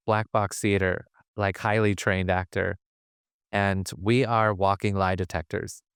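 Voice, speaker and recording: A man's voice: fairly low pitch, smooth, no room sound, studio quality. A man who is a spiritual teacher, telling a personal story in a rambling way, often breaking off his sentences and laughing.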